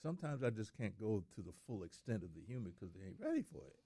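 A man's voice: fairly low pitch, very animated, fast talker, warm tone, dry recording. A middle-aged man in casual studio talk, speaking earnestly and repeating words for emphasis.

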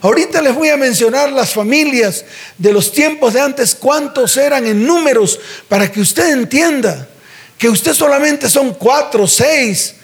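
A pastor preaching a sermon in a church, telling a story in slangy everyday speech and then exhorting slowly and forcefully. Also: male voice, extremely high pitch, lively intonation, husky. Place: church sanctuary.

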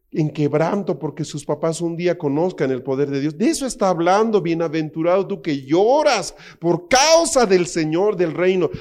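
A middle-aged Mexican preacher with a fairly high, mellow voice delivers a lively sermon. He keeps checking in with the crowd through quick rhetorical questions and jokes, and shifts his voice to mimic people as he goes. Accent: Mexican Spanish. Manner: animated, jokey, acts out quotes in funny voices. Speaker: pastor.

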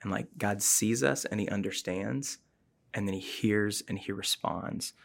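A man with a low, gravelly voice talks through scripture in a relaxed, conversational way. He is earnest and explanatory, and he often fills his sentences with "um" and "like". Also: unhurried. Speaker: podcast host discussing the Bible. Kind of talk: casual Bible discussion.

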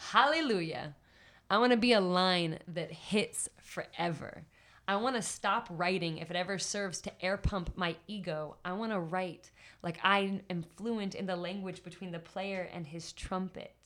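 A woman with a slightly low voice, a guest on a podcast. She talks animatedly and shifts easily into rhythmic, expressive spoken word recitation. Her delivery builds and flows with the cadence of performed poetry. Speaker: poet and guest.

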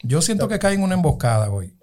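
A man's voice: fairly high pitch, big pitch swings, fast, darkish tone. A man on a podcast, teasing the others and telling jokes. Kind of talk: casual chat.

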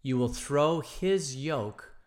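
A man's voice: mid-range voice, slow pace. A man leading an informal Bible study, talking it through conversationally with fillers and restarts, and acting out the characters' lines as he retells the story. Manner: conversational, thinking aloud with many fillers and restarts; acts out the characters' lines in quoted voices. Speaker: Bible teacher.

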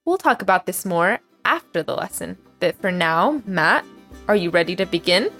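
A woman born in Iran whose first language is Persian, teaching a scripted podcast language lesson with clear, upbeat delivery and slow modelling of words. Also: on the low side, sing-song, a bit bright, soft background music.

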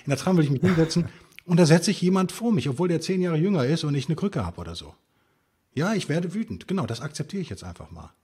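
A man's voice: a little high, lively intonation, quick pace, mellow, breathy edge. A man, a guest author, explaining ideas in an emphatic, conversational interview style with rhetorical questions. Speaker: podcast guest, stoicism author.

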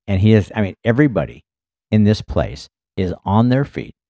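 A low, dark-toned man talks casually on a podcast. He rambles and leans on "you know" constantly. His voice sounds dry and close, with no room echo. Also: sing-song, moderate pace. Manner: rambling, filler-heavy, many "you know"s. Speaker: podcast co-host, former racing team member.

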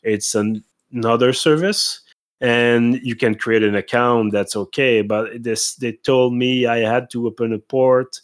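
A man co-hosting a podcast in casual chat, thinking aloud with frequent pauses. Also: medium pitch, fairly even intonation. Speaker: podcast co-host.

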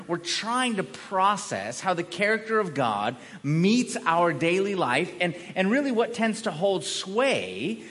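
Preaching to a congregation in a large room, a middle-aged male pastor has a voice that sits high with a fairly bright tone. His sermon is conversational and earnest, full of repeated and restarted words, all caught with long hall reverb.

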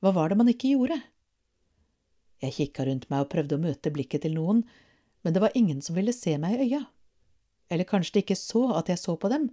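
Brief: calm storybook reader, woman with a low, mellow voice. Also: long pauses. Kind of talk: storybook reading.

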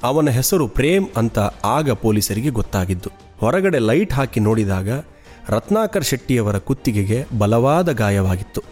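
A man narrating a true-crime podcast in a measured, steady storytelling voice. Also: mid-range voice, soft background music.

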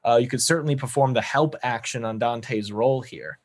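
A man's voice: medium pitch, moderate pace. Chill guy gm, lots of ums, middle voice. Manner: laid-back, filler-heavy. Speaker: game master. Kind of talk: narrating a tabletop game.

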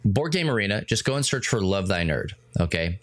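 A man co-hosts a laid-back chat in a slightly low voice. He rambles, restarts and ribs his partner. The sound is dry and close. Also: sing-song, a little fast, no room sound. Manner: rambling, self-correcting, playful banter. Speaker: co-host. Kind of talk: casual chat.

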